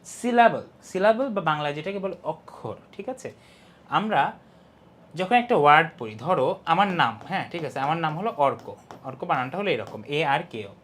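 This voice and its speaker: A young man teaching an English lesson, explaining step by step, reading English lines slowly and stressing key syllables. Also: fairly high pitch, big pitch swings, fairly bright tone. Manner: explains step by step, often asks "ঠিক আছে?". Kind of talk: online class lesson.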